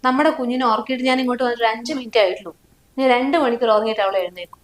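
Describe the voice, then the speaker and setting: A woman's voice: a little high, very fast. A woman acting a wife in a short drama, complaining and hurt in tone. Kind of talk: scripted drama dialogue.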